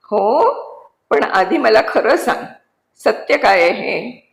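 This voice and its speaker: एक मध्यमवयीन, दयाळू पण चौकस जेलर, जो हळू आवाजात प्रश्न विचारतो, एका स्त्रीने साकारलेला. आवाजाभोवती खोलीचा घुमारा आहे. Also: female voice, fairly high pitch, expressive, slow, gravelly, full character voice. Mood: probing, soft. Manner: questioning, soft. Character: middle-aged male jailer, probing but kind. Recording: roomy echo.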